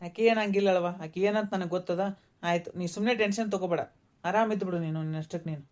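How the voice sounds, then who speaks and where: A woman voicing a patient young married man in a cartoon, reasoning gently with his mother. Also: on the low side, fairly even intonation, quick pace, lightly acted. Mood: calm. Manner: pleading, reasoning, soothing. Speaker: voice actor. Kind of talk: cartoon voice acting.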